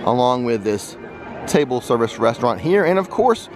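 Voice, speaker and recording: Walking through a busy theme park, a man vlogs an unscripted tour as a guide, speaking directly to viewers and pointing out sights. His medium-pitched voice swings widely at a moderate pace, with music in the background and the ambient noise of the busy park all around.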